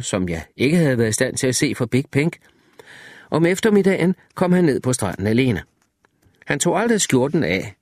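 A man reading first-person narration for an audiobook, with an expressive storytelling delivery. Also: medium pitch, no room sound, studio quality.

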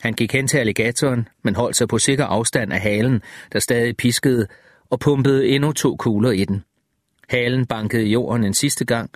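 A man's voice: mid-range voice, no room sound, clean studio sound. Man reading a gripping story aloud. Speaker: audiobook narrator. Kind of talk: first-person audiobook narration.

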